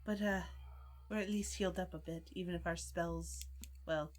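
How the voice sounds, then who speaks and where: A woman's voice: fairly low pitch, fairly even intonation, normal speed. A woman playing a tabletop game, talking things through hesitantly with the group. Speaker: player. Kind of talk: casual tabletop play chat.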